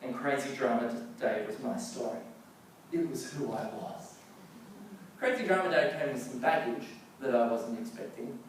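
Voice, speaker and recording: A man telling a personal story in an animated, self-mocking way with playful comic timing. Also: medium pitch, moderate pace. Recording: echoey hall, distant mic, faint noise.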